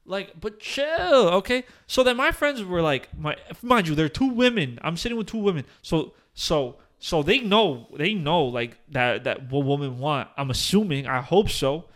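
A young man hosting a podcast, telling a long story in animated bursts, swearing and restarting his sentences, full of fillers. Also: on the high side, moderate pace, hardly any pauses. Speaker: podcast host. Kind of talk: casual chat.

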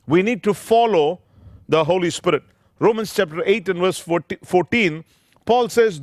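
A man's voice: high voice, no echo, clean studio sound. A man, a pastor preaching a sermon into a pulpit microphone, emphatic and drawing out scripture phrases word by word.

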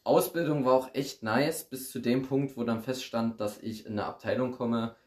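A man talks as a podcast guest in a loose, slangy way, rambling through his story with frequent laughs. His voice sits at an ordinary middle pitch. It rings with a roomy echo. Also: steady tone, moderate pace, darkish tone. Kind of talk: casual chat. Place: recording room.

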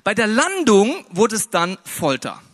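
Male pastor, high voice, animated storyteller in a sermon. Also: a little slow. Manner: lively storytelling, acts out dialogue in raised voices. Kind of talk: sermon with personal anecdote.

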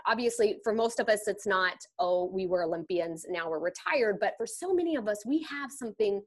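A woman hosting a casual interview, talking in an effusive, chatty way. Her voice has a middling pitch, and she often jumps up in bursts of enthusiasm before settling back down. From grew up in the rodeo world. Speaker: podcast host.

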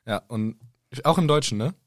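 A man's voice: medium pitch, moderate pace, no echo, studio quality. A man chatting casually about a book and quoting the characters in acted voices. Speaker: podcast co-host.

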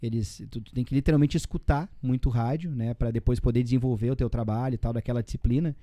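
A man in his forties with a Rio Grande do Sul accent, speaking quickly and tumbling from one story to the next. His voice is dark and mellow, heard dry and close. He keeps dropping tag questions and casual slang as he talks. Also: medium pitch, steady tone, no room sound. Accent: Rio Grande do Sul Portuguese. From southern Brazil. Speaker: guest.

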